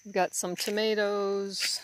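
A gardener gives a tour of her outdoor garden, walking along behind a handheld phone and pointing out the plants without hurrying. Her mid-range voice is flat, the recording has a little hiss or hum, and crickets and outdoor ambience fill the background.

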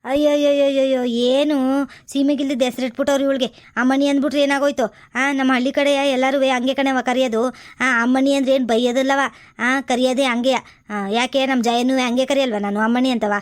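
A woman playing a sharp-tongued older village mother-in-law who scolds and nags with sarcasm, in a comedy skit. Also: sits high, level tone, a little fast, close to an everyday voice. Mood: scolding.

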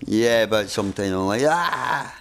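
A man streaming a video game, calling out to his team over a headset and shouting when fights get heated. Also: mid-range voice, fairly even intonation, moderate pace, slight background noise. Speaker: gaming streamer. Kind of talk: live gameplay team chat.

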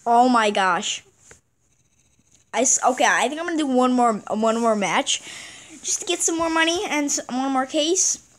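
A woman giving casual gameplay commentary, excitable and chatty, repeating exclamations and stumbling over words. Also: sits high, normal speed. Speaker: gaming channel host.

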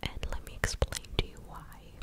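A woman in her twenties chatting casually in a breathy, close-up ASMR whisper, right up at the microphone as if into the listener's ear. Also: moderate pace. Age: 20s. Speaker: ASMR content creator. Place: living room indoors. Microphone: large USB microphone very close to the mouth.

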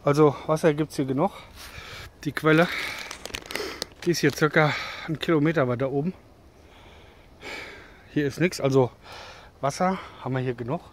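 A man in his thirties talks into a camera held at arm's length as he walks through the woods, joking and chatting. His voice sits a little on the high side, and a faint hiss and some clicks run under the outdoor recording. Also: moderate pace, pauses often. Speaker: bushcraft vlogger. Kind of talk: casual walking vlog. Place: outdoors in a forest. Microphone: handheld camera at arm's length.

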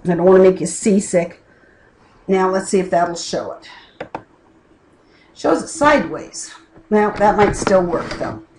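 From her home desk, keyboard and lamp beside her, a middle-aged woman records a college class lesson through a camera overhead. She's chatty and plain-spoken with asides, speaking at medium pitch in a darkish tone, at a measured pace with frequent pauses. The recording is rough, with slight background noise.

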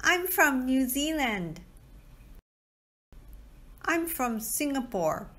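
A woman in her forties, an English teacher, reading short practice sentences for children slowly and carefully. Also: high voice, big pitch swings, fairly bright tone. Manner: slow, careful, clearly spoken model sentences.

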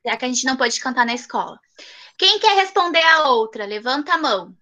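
A woman's voice: sits high, expressive, brisk, pushed and bright. A woman teaching a class of young children over a video call, affectionate and coaxing, stretching out syllables. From southern Brazil. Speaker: primary school teacher.

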